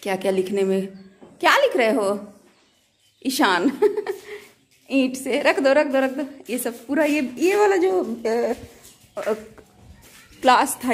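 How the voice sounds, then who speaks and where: Her voice is fairly high and slightly rough: a middle-aged woman from Bihar, India, speaking with a Bihari Hindi accent. She vlogs casually while walking through an old village school, steering her son along, holding her phone at arm's length.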